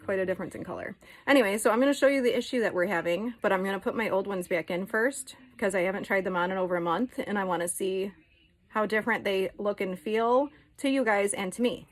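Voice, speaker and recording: A woman's voice: mid-range voice, fast, rough recording. Female vlogger, casual show-and-tell delivery, chatty and blunt, drops the odd swear.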